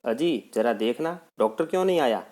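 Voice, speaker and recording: A man's voice: mid-range voice, lively intonation, moderate pace, a little mellow, close to an everyday voice. A male teacher voicing a worried mother who coaxes and fusses over her sick young son as he reads a play aloud. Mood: anxious. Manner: coaxing, anxious and tender.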